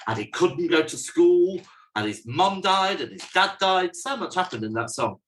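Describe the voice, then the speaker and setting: A man's voice: high-pitched, lively intonation, normal speed, background noise. A man co-hosting a podcast in casual chat, teasing his co-host and running the scoring. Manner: teasing, bantering, runs the scoring.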